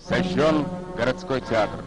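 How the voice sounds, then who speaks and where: A man's voice: mid-range voice, measured pace, loud music behind the voice, poor audio. A man reading scripted wartime narration for a 1940s newsreel in a solemn, declamatory announcer delivery. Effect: 1940s newsreel voice-over. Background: orchestral score.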